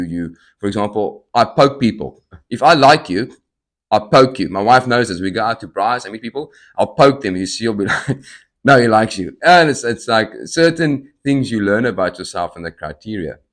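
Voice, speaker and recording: A man in his thirties tells his own story on his podcast in a somewhat low voice. He hops from topic to topic and acts out the people he quotes. Tics break into his talk now and then. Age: 30s. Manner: jumps between topics, acts out quoted dialogue; tics and sudden outbursts mid-speech. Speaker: podcast host. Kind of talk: personal storytelling monologue.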